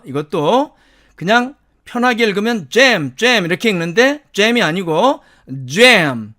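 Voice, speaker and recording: A man with a Korean accent, lecturing on English pronunciation and repeating each example word slowly. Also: high voice, a bit bright. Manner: explains step by step, repeats example words in English. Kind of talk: recorded lecture.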